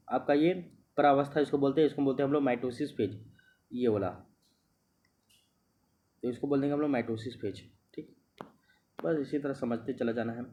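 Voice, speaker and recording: A man teaching an exam-prep lecture, explaining step by step, repeating himself and checking that students understand. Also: a little high. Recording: muffled lo-fi recording.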